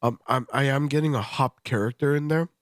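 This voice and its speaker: A man's voice: medium pitch, fairly quick, dry recording, clean studio sound. A congested man co-hosting a podcast, swearing and laughing as he describes a beer in casual detail. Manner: profane, joking, laughs often. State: stuffy, congested. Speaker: podcast co-host. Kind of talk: casual beer-tasting chat.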